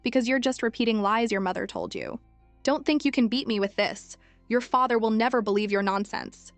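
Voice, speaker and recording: A woman's voice: on the high side, fairly quick, dry recording, faint music behind, lightly acted. A woman voicing a two-faced scheming young woman who sounds sugary but turns defensive. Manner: sugary on top, defensive and stammering.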